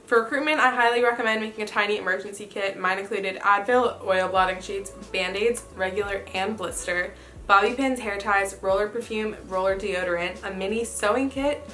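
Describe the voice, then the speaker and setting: A woman's voice: medium pitch, fairly quick, bright, forceful tone, faint music behind. A young woman talking in a chatty, informal way, giving casual advice in a vlog style. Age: young adult. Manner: chatty, informal, frequent "super" and "like". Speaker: sorority member giving recruitment advice. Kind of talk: casual advice vlog, reading messages and commenting.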